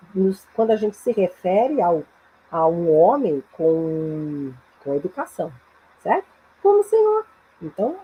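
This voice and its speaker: A Brazilian woman teaching English through Bible passages, explaining slowly and repeating phrases in both languages, checking in with "né?" and "certo?". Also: a little high, breathy edge, lo-fi sound. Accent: Brazilian Portuguese. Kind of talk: bilingual Bible-based English lesson.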